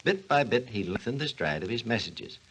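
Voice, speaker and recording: On a vintage 1940s radio program, a man plays a learned, patient scientist who, as an expert guest, recounts the history of inventions in scripted educational dialogue. He lectures like a storyteller, using a full character voice with animated rises and falls at normal speed in a mid-range voice. The rough recording gives it a slightly gritty, unclear grain.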